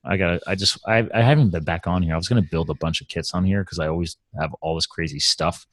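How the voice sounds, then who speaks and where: With a deep voice and a quick pace, this male podcast host rambles casually about recording gear. He's chatty and keeps starting his sentences over.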